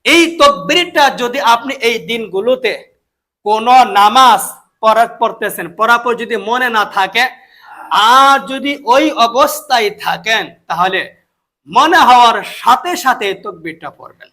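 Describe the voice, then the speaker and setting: A man's voice: very high-pitched, animated, bright, forceful tone. A Bangladeshi man with a Bengali accent preaching a sermon, emphatic and repeating key phrases. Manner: emphatic, repeats phrases, chants takbir slowly.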